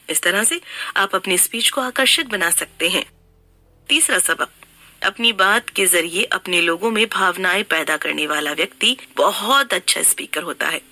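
A woman reading a scripted book summary in an even, instructive way. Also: medium pitch. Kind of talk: scripted narration.

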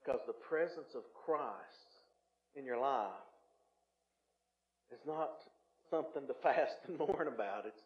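A male pastor preaching a sermon in a folksy, storytelling way, often restarting with fillers and swelling louder for emphasis. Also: mid-range voice, animated, measured pace, pauses often. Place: church sanctuary. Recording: roomy, slightly dull church recording.

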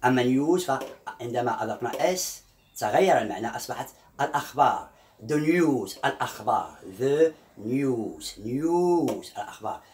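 A man's voice: expressive, a little slow, a little mellow, a little hiss or hum. A man teaching an English pronunciation lesson. He repeats each example word several times and draws out the sounds. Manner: pitch jumps up on example words and drops for explanations. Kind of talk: slow explanatory language lesson.

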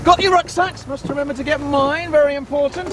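A man playing a fussy, excitable leader of a children's camping trip, exclaiming and mock-stern like a kids show host. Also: very high voice, brisk, background noise. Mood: bustling, eager. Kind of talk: scripted children's comedy acting.

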